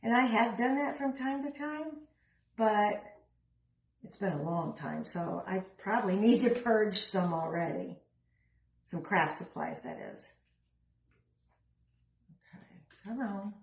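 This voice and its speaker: A woman's voice: medium pitch, animated, slow pace, gravelly, long pauses, reverberant, rough recording. A middle-aged woman chatting casually while she works on a craft, rambling with self-deprecating asides. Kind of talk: casual craft vlog chat.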